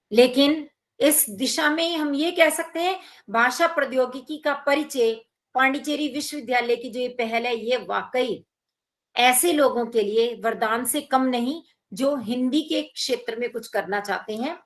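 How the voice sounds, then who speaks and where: High-voiced woman giving a lecture. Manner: measured, explanatory, with hesitations. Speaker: guest speaker at an online workshop. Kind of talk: academic lecture. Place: online workshop, video call.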